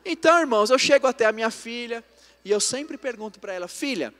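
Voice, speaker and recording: A man's voice: extremely high pitch, expressive, fast, fairly bright tone. A young man preaching in Brazilian Portuguese, telling family stories to the congregation. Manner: storytelling, addresses congregation as brothers. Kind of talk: sermon. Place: church. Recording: long church reverb.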